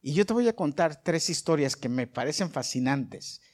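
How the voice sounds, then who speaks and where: A middle-aged pastor delivers a sermon in a fairly high-pitched male voice. He drifts into soft, conversational storytelling, then climbs into loud, emphatic preaching. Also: animated, normal speed. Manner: swings from soft asides to loud preaching bursts.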